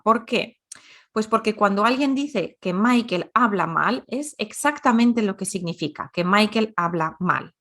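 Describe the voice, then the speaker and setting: A woman's voice: medium pitch, a bit bright. A woman teaching a grammar lesson, explaining patiently and repeating example sentences. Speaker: Spanish teacher.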